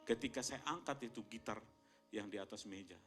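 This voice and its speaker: A male pastor from Indonesia tells a story to his congregation. His voice jumps from quiet, low asides to loud, excited peaks, and soft instrumental music plays underneath. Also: fairly quick. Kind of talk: sermon testimony.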